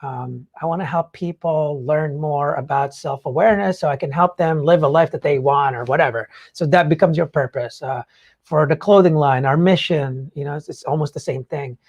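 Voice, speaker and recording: A podcast host, this man delivers casual motivational talk in a slightly high, darkish voice at a moderate pace. His explanations are informal and rambling, filled with "like" and "you know."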